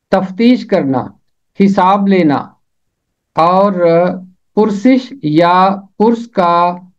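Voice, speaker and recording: Slow, high-voiced man teaching pronunciation. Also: darkish tone, dull audio. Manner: slow, deliberate, repeats each word carefully. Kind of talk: scripted lesson on word pronunciation and meaning.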